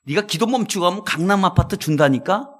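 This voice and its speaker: A man's voice: high voice, lively intonation, brisk, a bit bright. A male pastor voicing a sly male devil who tempts a praying man with bribes, in a coaxing, bargaining way.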